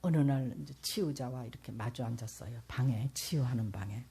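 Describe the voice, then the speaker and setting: An older woman from South Korea giving an earnest church testimony as a pastor's wife, speaking straight to the audience and swinging between loud and soft. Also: very deep voice, fairly quick, slightly rough. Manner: earnest, addresses the audience directly.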